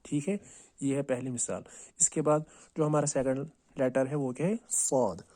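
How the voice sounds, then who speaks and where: A man teaching Quran recitation. He asks and answers his own questions and repeats words slowly, drawing out each sound to show how to say it. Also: mid-range voice, warm tone, dry recording. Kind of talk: tajweed lesson on letter pronunciation.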